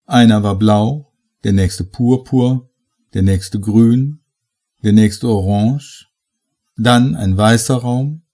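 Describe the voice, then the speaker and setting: A man reading a horror story aloud as narrator, slow and measured. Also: fairly low pitch, warm tone. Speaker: audiobook reader.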